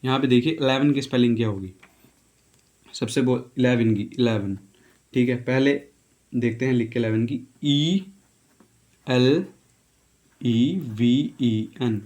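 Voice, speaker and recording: This English teacher's medium-pitched voice has a darkish tone, and he moves slowly with frequent pauses. His casual lesson has him spelling words letter by letter, repeating pronunciations, and checking in with "okay."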